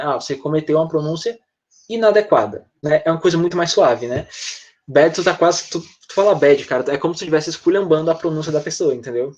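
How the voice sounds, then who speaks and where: A man's voice: fairly high pitch, a little mellow. A male Brazilian teacher with a Brazilian Portuguese accent explaining words to students in an online class, often checking in with short questions. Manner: explanatory, uses tag questions like "né?" and "tá?". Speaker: English teacher. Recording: dull lo-fi online class audio.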